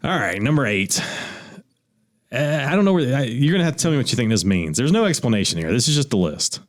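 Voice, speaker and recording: A man's voice: mid-range voice, sing-song, fast talker, dry recording, studio quality. A man, an attorney co-hosting a radio show, talking casually about wills with easygoing restarts. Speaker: attorney co-host. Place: radio studio.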